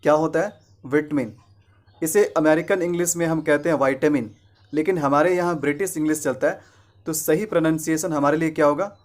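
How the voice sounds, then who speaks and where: An English teacher with a slightly high, fairly even voice gives a pronunciation lesson. He keeps posing his own questions and answering them, repeats the correct word more than once, and slows right down for the English example sentences.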